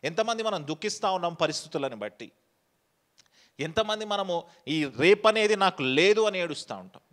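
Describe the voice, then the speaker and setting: A man's voice: high-pitched, expressive, normal speed, fairly bright tone. A male pastor giving a sermon, firing rhetorical questions at the congregation and dropping English phrases into his preaching.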